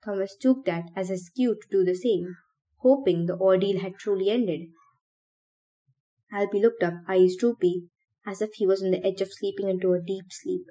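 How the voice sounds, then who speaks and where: The podcast reader continues the novel in a steady, measured manner, her pitch sitting in the medium range.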